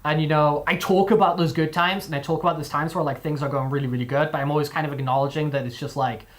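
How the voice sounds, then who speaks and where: A man's voice: a little high, steady tone, quick pace. A young man with a mixed, displaced accent, chatting casually on a live stream, rambling with many fillers and restarts.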